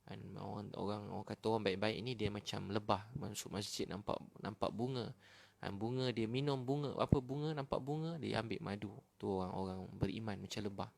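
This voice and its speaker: A Malaysian man giving a casual, animated sermon as a preacher, talking directly to his listeners. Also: lowish voice, fairly quick, creaky. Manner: animated, chatty, addresses listeners as brothers and sisters. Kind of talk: casual sermon to an online audience.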